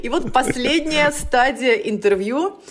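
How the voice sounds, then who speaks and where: A woman in her thirties from Saint Petersburg, a trader telling her story as a podcast guest, lively and laughing often. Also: high-pitched, a little slow, over a noisy crowd. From Saint Petersburg, Russia. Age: 30s.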